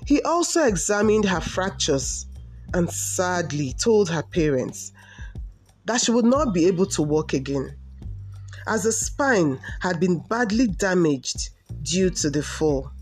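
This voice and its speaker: A woman narrating a folk tale in an expressive storybook style. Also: fairly low pitch, measured pace, soft background music.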